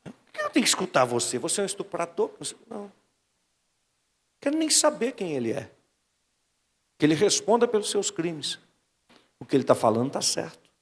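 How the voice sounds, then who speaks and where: A Brazilian man preaches a wedding sermon in a high, lively voice that swings up and down as he exhorts. He mimics whiny excuses now and then. The sound rings with the long reverb of a big church hall. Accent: Brazilian Portuguese. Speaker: pastor officiating a wedding.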